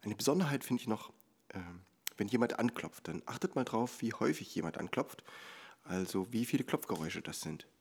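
A man teaching music in a relaxed lesson. He explains rhythm calmly, counts the beats out loud, and drops to a whisper on the light beats. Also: on the low side, fairly quick, slightly rough. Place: recorded at home and outdoors on location.

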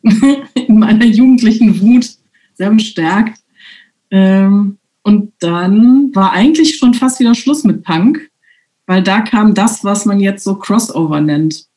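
Female guest, mellow tone, relaxed, hesitant conversational delivery. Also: mid-range voice, a little slow. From Germany. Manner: relaxed, hesitant with many fillers. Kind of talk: casual conversation.

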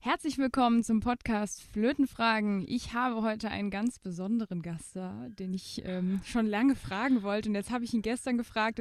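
A young woman hosting a podcast, chatting with her guest in a relaxed, chatty way. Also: on the high side, no room sound, clean studio sound. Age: young adult. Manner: chatty, laughs easily. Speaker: podcast host. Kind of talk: casual interview.

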